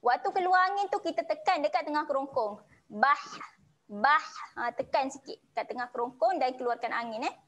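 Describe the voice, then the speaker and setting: A woman with a Malaysian Malay accent teaching Quran recitation online, explaining each sound patiently and slowly chanting the verses. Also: high voice. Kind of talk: online tajwid lesson.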